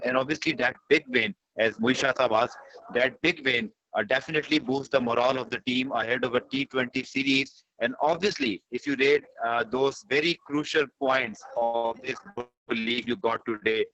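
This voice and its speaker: A male reporter asks questions in a halting way full of filler sounds. His mid-pitched voice comes through a dull, lo-fi video call that keeps breaking up and dropping out. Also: fairly bright tone. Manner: hesitant, many filler sounds. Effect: video call line breaking up and dropping out. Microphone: remote video call. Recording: dull lo-fi broken online call.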